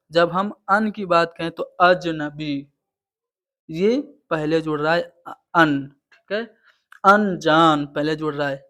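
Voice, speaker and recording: Male tutor, higher voice, patient step-by-step explaining, online exam-prep lecture. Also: bright, forceful tone. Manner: explains answers step by step, repeating "theek hai".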